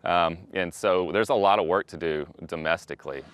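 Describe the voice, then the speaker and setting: A man's voice: deep voice, normal speed, a little hiss or hum. A man who grows pecans, talking casually in an interview with some hesitations. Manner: relaxed storytelling, some hesitation. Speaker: pecan grower. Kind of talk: interview sound bite.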